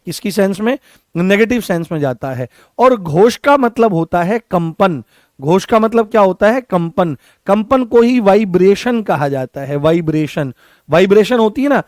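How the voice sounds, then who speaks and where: A man's voice: sits high, no room sound, clean studio sound. A man teaching an online exam-prep class, repeating key phrases and coaxing his students with affectionate names.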